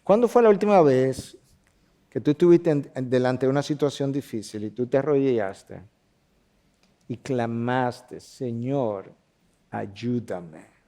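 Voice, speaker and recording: A man, a pastor teaching a Bible class, who swings from loud, lifted declarations to hushed lines and acts out the people in the passages he reads. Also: mid-range voice, normal speed. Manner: expository preaching with dramatic swings from loud to hushed; voices the Bible characters he quotes.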